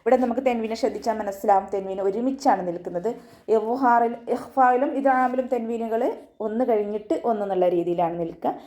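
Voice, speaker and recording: A woman leads an online tajweed lesson in a warm, mellow voice. She explains each rule patiently and step by step, often closing with a soft tag word, then chants the verse words slowly and high. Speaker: Quran recitation teacher.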